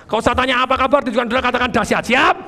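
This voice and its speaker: A man giving an energetic motivational seminar talk, drawing call-and-response from the audience and addressing them formally again and again. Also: extremely high pitch, racing, gravelly, a crowd in the background. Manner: acts out tones of voice to make points. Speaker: motivational speaker.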